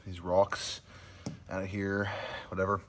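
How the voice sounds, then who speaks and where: A man vlogging his truck work outdoors, rambling casually with lots of fillers and throat clearing. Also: sits low, completely flat delivery, unhurried, fairly bright tone, slight background noise. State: out of breath. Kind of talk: casual DIY vlog.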